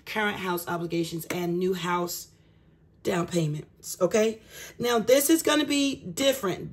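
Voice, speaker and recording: This budgeting vlogger talks to her audience in a relaxed, homespun manner, often poking fun at herself as she explains. She sits on the low side in pitch, with a slightly bright, raspy, cracked quality.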